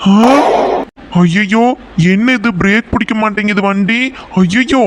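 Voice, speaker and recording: A man's voice: high voice, unhurried, heavy background noise. A man voicing a flustered village man in a cartoon who keeps apologizing and pleading, speaking with a Coimbatore Tamil accent. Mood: panicked. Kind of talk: cartoon voice acting.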